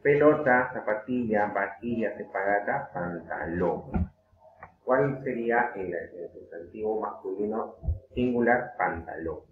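A fairly low-voiced man with a Peruvian Spanish accent teaching an online grammar class. He goes patiently through examples, repeating words slowly and filling pauses with "eh". The sound is thin and phone-like, with an echoey room and a faint hiss. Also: expressive. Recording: echoey room over a tinny phone-like line.

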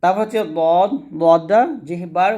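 In a fairly high voice, a man teaches a Quran reading lesson, pronouncing each letter sound slowly and repeatedly with patience so learners can echo him. His intonation stays fairly even and mellow, and the audio is lo-fi.

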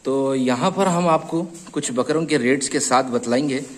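A man with a medium-pitched voice speaks at normal speed, with slight background noise. Hosting a goat channel, he has a Hyderabadi Hindi-Urdu accent and conducts a casual on-site interview at a goat farm, chatting and repeating answers back.

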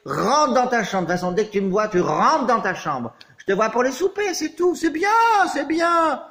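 A man playing a theatrical, touchy character who fusses over a returning friend, swinging from squeals to low mutters. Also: very animated, normal speed, a bit bright, full character voice. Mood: emotional. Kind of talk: comedy monologue.

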